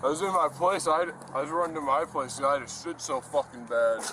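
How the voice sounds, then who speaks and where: A man's voice: fairly high pitch, quick pace. A man who was just in a car crash, talking to a police officer and slurring his words at a roadside. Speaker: driver stopped by police. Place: roadside at night. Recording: noisy outdoor bodycam audio with traffic.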